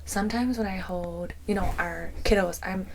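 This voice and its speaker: A young adult woman co-hosting a podcast, speaking softly and reflectively in casual chat, sometimes almost whispering. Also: lowish voice, moderate pace, vocal fry, a little hiss or hum. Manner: soft-spoken, reflective, trails off. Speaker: podcast co-host.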